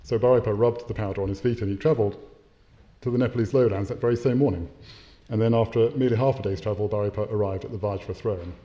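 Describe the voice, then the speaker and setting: A man giving an academic lecture and reading a story aloud, speaking in a measured way with occasional hesitations and self-corrections. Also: lowish voice, warm tone, muffled recording.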